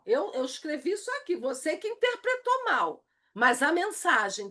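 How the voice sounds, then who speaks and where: A woman's voice: sits high, fairly bright tone. A Brazilian woman teaching a recorded Bible lesson, emphatic and acting out the lines she quotes. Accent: Brazilian Portuguese. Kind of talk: recorded church video lesson.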